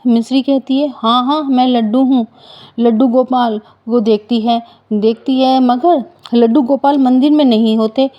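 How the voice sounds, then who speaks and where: Woman storyteller, devotional tale, loose unscripted narration, dull lo-fi recording. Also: on the high side. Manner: unscripted, with restarts and acted quotes.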